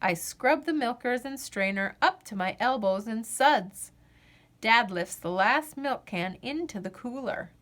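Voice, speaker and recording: A fairly high-pitched woman gives an expressive storyteller reading of a children's picture book. She takes her time with each phrase and lengthens the refrains.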